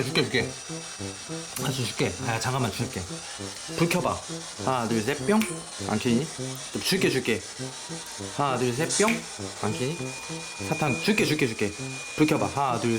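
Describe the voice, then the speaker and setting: A man hosting a comic ghost-hunting vlog indoors in a house, bantering and swearing at an unseen ghost, going from hushed to shouting. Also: mid-range voice. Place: indoors in a house on a home visit.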